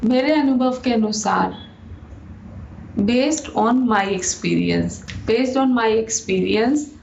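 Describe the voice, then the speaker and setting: A young woman teaching English says each phrase slowly and deliberately, twice over, in a high-side, slightly mellow voice with a gravelly, creaky edge. The echoey, dull recording sounds like a bare room on a lo-fi mic, with slight background noise.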